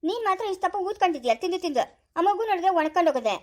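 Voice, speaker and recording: A woman's voice: very high-pitched, very animated. Woman playing a nagging village mother-in-law. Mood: scolding. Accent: rural Kannada, Chikkaballapura area. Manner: scolding, fast-talking, sharp-tongued. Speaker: actor in a family skit. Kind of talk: amateur village family skit acting.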